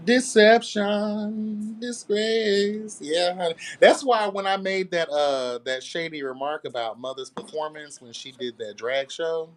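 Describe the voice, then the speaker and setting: A man in his late thirties in casual group chat, telling stories in a sassy, drawn-out way and calling everyone honey. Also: sits high. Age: 30s. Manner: sassy, drawling storyteller, calls others honey.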